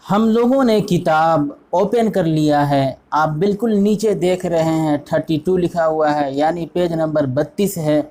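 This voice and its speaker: A man's voice: a little high, hardly any pauses, darkish tone. A man teaching an online textbook lesson, patiently explaining step by step and repeating each word while quizzing the listener. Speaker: Arabic teacher.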